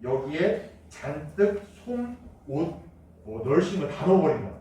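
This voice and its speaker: Lively male teacher in echoey classroom. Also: a little high, normal speed, far from the mic. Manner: lively, asks students questions. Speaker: middle school history teacher. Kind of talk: classroom lecture.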